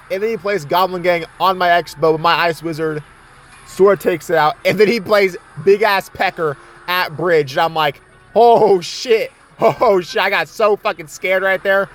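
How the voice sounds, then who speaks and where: Young guy cussing thru his game commentary, kinda high voice, trash talking, light music behind. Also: a bit bright. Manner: crude, trash-talking, laughing asides. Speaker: gaming commentator. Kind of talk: casual profane gameplay commentary.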